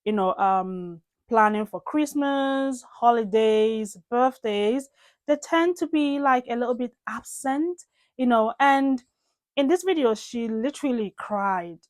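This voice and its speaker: Woman vlog host, casual reaction commentary, a bit higher voice, chatty and direct with the viewers. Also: animated, slow, darkish tone.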